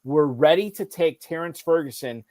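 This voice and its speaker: A man's voice: a little high, a little mellow, no room sound. A man hosting a fantasy football podcast, steering the conversation with questions. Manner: brisk, steers the discussion with questions. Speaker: podcast host.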